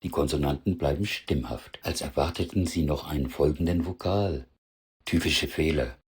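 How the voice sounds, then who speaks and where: A man with a northern German accent teaching a dialect lesson, pronouncing example words slowly and carefully. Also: a bass voice, husky. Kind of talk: explanatory lesson with spoken word examples.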